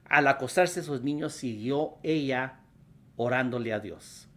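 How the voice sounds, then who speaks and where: A woman pastor and show host telling a testimony story, acting out the quoted dialogue with lively emphasis. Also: very deep voice, a little slow.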